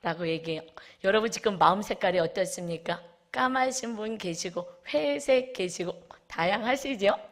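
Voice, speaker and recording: A woman pastor preaching a sermon, speaking emphatically and swinging between loud exclamations and soft, hushed asides. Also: mid-range voice, lively intonation, normal speed.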